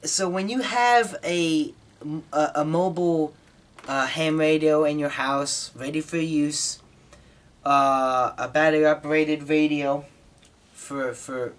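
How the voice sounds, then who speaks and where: An American hobbyist gives an informal talk explaining his subject in a slightly high voice. He's somewhat halting and repeats words as he explains.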